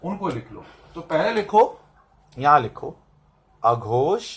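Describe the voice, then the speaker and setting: A man's voice: on the high side, very animated, unhurried, breathy edge. A man teaching a lesson to students. He calls them बेटा, repeats terms and syllables to drill them, and keeps checking whether they understand. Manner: drills terms and asks "समझ में आ रहा है?" to check understanding. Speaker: Hindi teacher. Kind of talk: recorded classroom lesson. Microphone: camera mic, set up and adjusted by himself.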